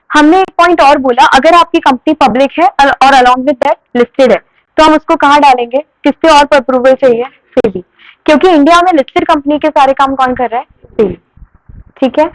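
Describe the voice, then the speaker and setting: High-voiced woman teaching a class. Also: no echo, low-quality recording. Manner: asks questions and answers them herself, scolds students firmly. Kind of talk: classroom lecture.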